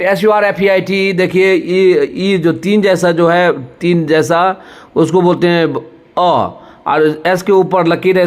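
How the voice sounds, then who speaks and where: A man takes learners through English words one sound at a time, speaking in Hindi. He talks slowly and deliberately. His voice is high for a man. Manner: slow, deliberate reading of words and pronunciation. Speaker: English teacher. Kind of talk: bilingual vocabulary lesson.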